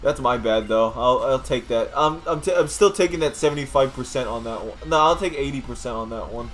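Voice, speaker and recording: A man's voice: medium pitch, fairly quick, fairly bright tone. A young man doing casual, jokey gameplay commentary as he hosts a gaming video. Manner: jokey, laughs while talking.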